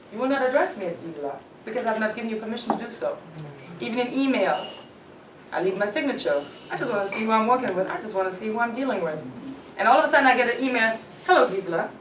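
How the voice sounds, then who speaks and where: Animated woman coaching, distant roomy mic. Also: on the high side. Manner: emphatic, animated, laughs often. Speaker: etiquette and presence coach. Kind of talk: workshop talk to a small group. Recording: roomy and distant with background noise.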